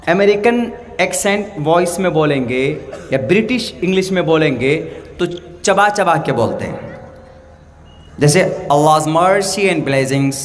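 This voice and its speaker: A man from India preaching a religious talk, telling stories with acted dialogue and speaking slow, deliberate English phrases. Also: high voice, fairly bright tone, big-room sound. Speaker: Islamic preacher. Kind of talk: public religious speech.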